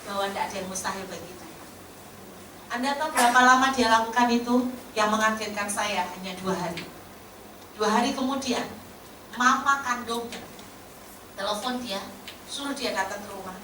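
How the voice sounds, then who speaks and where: High bright-voiced woman preaching. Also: normal speed, pauses often, a little hiss or hum. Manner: animated storytelling that acts out quoted dialogue. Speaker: pastor. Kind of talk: sermon. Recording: echoey hall, distant mic.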